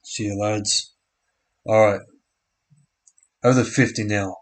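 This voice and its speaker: Young man, low voice, unhurried live stream commentary, hesitant, self-correcting. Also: fairly even intonation. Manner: unsure, self-correcting, frequent restarts and fillers. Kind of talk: casual live match commentary.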